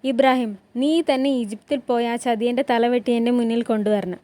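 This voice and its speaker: A woman's voice: a little high, fairly even intonation, a little fast, dark tone, dry recording, lightly acted. A woman voicing a stern, commanding male sultan who gives curt, threatening orders in a story retelling.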